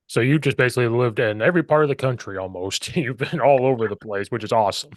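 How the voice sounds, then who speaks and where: Fast-talking podcast host, dry sound. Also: male voice, mid-range voice, dry recording. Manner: quick, animated storytelling, acts out quotes. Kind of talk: podcast interview.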